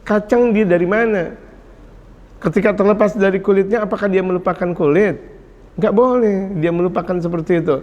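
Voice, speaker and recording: Lively high-voiced preacher. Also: male voice, fairly quick, lo-fi sound. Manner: lively, jokes and acts out scolding parents. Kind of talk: sermon.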